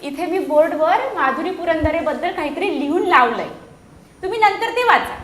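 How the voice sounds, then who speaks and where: A woman's voice: very high voice, animated, moderate pace, a bit bright, slight background noise. A woman primary school teacher reading a storybook aloud to children in a classroom, questioning the class and encouraging them. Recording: echoey classroom.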